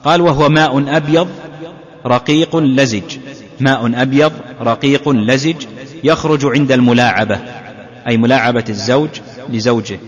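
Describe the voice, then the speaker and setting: A male sheikh gives a religious lesson, unpacking a classical text slowly and repeating key points. His voice carries a long hall reverb. The sound is dull and lo-fi, like an old lecture tape. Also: mid-range voice. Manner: deliberate, repeats key phrases to drive them home. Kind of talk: religious lesson explaining hadith.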